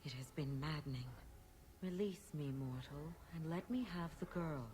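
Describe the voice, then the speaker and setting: A woman plays an imperious demon cat from a fantasy video game. The voice is low, silky and formal, with a menacing, possessive edge. There is faint noise behind it. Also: normal speed, dark tone, natural voice. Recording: faintly noisy game audio capture.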